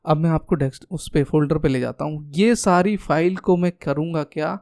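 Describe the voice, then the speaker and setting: Higher-pitched man teaching over a screen share. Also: fairly even intonation, normal speed, a little mellow. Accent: Indian. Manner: asks himself questions and answers them, calls listeners friend. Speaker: tutor. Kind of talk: screen-share exam lesson.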